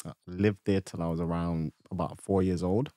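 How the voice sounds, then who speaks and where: Deep-voiced young man from Ethiopia. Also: moderate pace, no echo, clean studio sound. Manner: relaxed, easygoing storytelling. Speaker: podcast guest. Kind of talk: casual chat.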